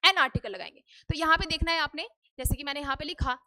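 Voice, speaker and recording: तेज़ ऊँची आवाज़ वाली शिक्षिका. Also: female voice, sits high, lively intonation, quick pace, bright, forceful tone. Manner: asks students questions and answers them herself, repeats "ठीक है?". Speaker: English teacher. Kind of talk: Hindi-English grammar lesson. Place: classroom.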